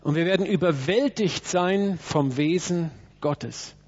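A man's voice: high voice, slow pace, a little mellow. A man preaching a sermon in a church, speaking emphatically and turning to address people in the room. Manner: emphatic, with acted quotes and direct asides to listeners. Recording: dull, lo-fi sermon recording.

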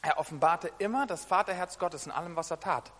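A man preaching a sermon in a chatty way, often turning to listeners with quick questions and moving between soft asides and loud, emphatic bursts. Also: a little high. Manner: conversational, often asks listeners "weißt du?" and "ne?". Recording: long hall reverb.

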